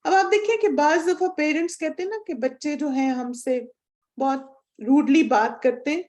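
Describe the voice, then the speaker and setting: High-voiced woman teaching a religious class. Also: a little mellow. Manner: earnest and instructive, asks the class questions; mixes English words into her talk. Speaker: Quran course teacher. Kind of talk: religious lesson lecture.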